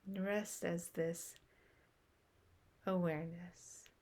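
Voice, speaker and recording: A woman with a low, gravelly voice leads a guided meditation, keeping her intonation fairly even. Her delivery is very slow and soft, and short phrases are broken up by long pauses.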